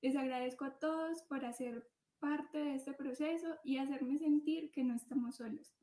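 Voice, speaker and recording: A woman's voice: high-pitched, fairly even intonation, moderate pace, warm tone. A 26-year-old woman from Colombia giving a sincere video testimonial. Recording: roomy, distant mic.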